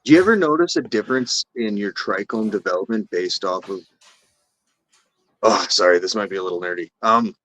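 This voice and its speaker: A cannabis breeder with a Canadian accent guests on a casual live stream, talking a little fast in a fairly low, fairly bright voice. He rambles and corrects himself as he goes, swearing casually.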